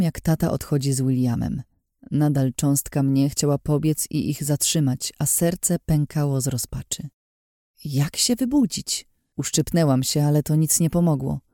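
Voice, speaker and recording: Dry, mellow male audiobook narrator. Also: fairly high pitch, dry recording. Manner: tense, dramatic first-person reading.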